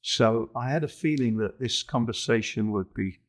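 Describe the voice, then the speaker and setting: Male interviewer, mid pitch, conversational and measured. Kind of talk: interview questions.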